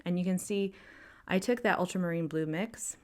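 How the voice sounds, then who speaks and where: A young woman narrating a painting tutorial voice-over, breathy and out of breath, explaining calmly with frequent ums. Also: fairly low pitch, normal speed. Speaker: art instructor.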